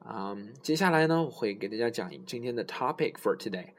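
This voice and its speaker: A man giving a pronunciation lesson, explaining in Chinese and slowly modelling English words several times. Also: medium pitch, expressive, slight background noise. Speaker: English teacher.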